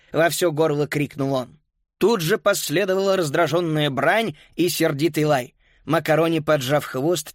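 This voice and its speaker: A man narrating a children's audiobook in a lively, expressive storytelling manner. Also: a little high, no echo, clean studio sound.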